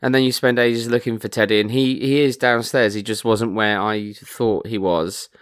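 A man co-hosting a podcast in casual chat, wry and quick to exclaim, often stammering as he restarts. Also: lowish voice, fairly even intonation, clean tone, dry recording, studio quality. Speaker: podcast co-host.

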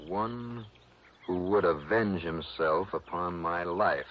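A man declaims as a solemn, old-fashioned theatrical letter writer. The low voice is slow, grand and tragic. It is a dull radio drama recording with faint noise.

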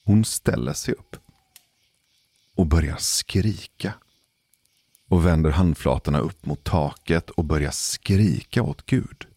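A man telling a personal story in a casual, measured way, pausing for suspense. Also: sits low, expressive, gravelly, warm tone, breathy edge, no room sound. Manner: measured, deliberate pauses for suspense. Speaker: podcast storyteller.

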